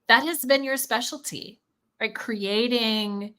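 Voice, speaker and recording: A woman's voice: on the high side, sharp tone, smooth. A woman hosting a live podcast interview, enthusiastic and playful, asking open questions. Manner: enthusiastic, playful, quick exclamations. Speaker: podcast host.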